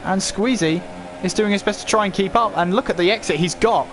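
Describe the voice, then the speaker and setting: High-voiced male motorsport commentator over noise. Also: fairly quick. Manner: running play-by-play with rhetorical questions. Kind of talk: live motorsport race commentary.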